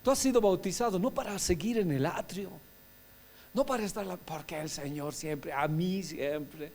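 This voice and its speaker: A male pastor delivers an animated sermon, dropping to quiet asides and then rising to loud exclamations. His voice sits a little high and carries a gravelly edge. A faint electrical hum runs underneath. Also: normal speed. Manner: animated preaching, swings between soft asides and loud exclamations.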